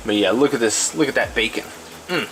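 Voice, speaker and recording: Casting: male cooking host, middle-pitched voice, blunt and foul-mouthed casual chat, recorded amid clear kitchen noise. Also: brisk, fairly bright tone. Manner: crude, profane, blunt. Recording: clearly noisy, frying and stirring sounds. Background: sizzling pan, stirring, clicks.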